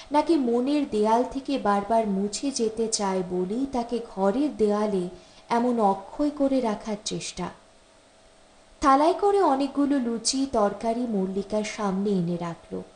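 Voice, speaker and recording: A woman narrates a literary story as an audiobook, reading expressively and acting out the dialogue. Her voice is a little high and a little mellow. The recording sounds roomy and echoing, with a faint hiss or hum.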